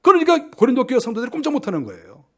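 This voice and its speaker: Lively high-voiced Korean pastor preaching. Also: male voice, very fast. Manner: animated storytelling, acting out quoted church members. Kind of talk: sermon.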